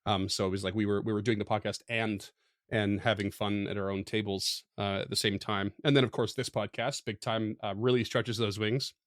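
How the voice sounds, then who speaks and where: A man's voice: fairly low pitch, little pitch movement, a little fast, no echo. Hesitant man, dry close sound. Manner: hesitant, lots of fillers and restarts, laughs often. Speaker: podcast co-host. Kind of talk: casual chat.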